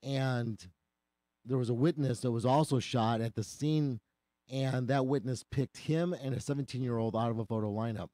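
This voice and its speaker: Brief: man, lawyer guest on talk radio, earnest and explanatory, slight cold in the voice, warm tone, dry studio sound. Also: medium pitch, normal speed, no echo. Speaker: attorney guest.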